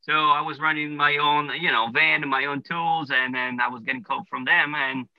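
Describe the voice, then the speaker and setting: With a fairly high pitch and a steady tone, this Italian man speaks at normal speed. He runs a plumbing business and answers interview questions casually, laying things out step by step amid frequent "uh" and "you know" fillers, in an Italian accent. The recording is dry and the audio dull.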